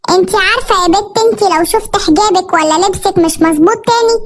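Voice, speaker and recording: A man's voice: extremely high pitch, fast talker. A woman voicing a stern, angry father who scolds and threatens his daughter, speaking. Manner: harsh scolding.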